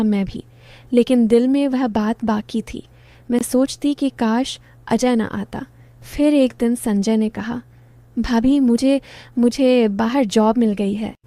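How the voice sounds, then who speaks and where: Soft-voiced woman narrating a story. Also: a little high, dry recording. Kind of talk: first-person story narration.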